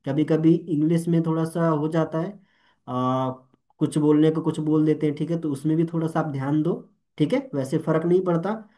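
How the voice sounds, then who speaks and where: A young trainer addresses network marketers in a motivational talk, speaking Hindi mixed with English and animatedly checking comprehension with "ठीक है?" and "All clear?" His voice is on the high side, at a moderate pace.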